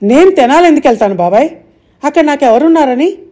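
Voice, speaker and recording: A woman's voice: sits high, lively intonation, fast, mellow, voice pushed up. Woman playing a sixty-year-old nephew, earnest, pressing, audiobook story. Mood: urgent.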